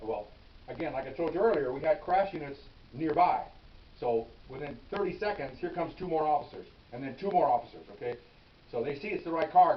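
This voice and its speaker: An older man, a retired police officer, tells the camera a story from his career in a casual, animated manner, acting out his own yelling. His voice is on the high side. The audio sounds roomy, distant, and dull, with hiss.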